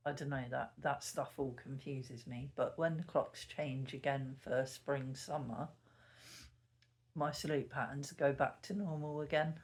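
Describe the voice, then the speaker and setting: A YouTuber sits at home indoors early in the morning, chatting casually to the camera mic. The voice is mid-range, fairly even in intonation and unhurried, meandering and self-correcting, a bit sniffly.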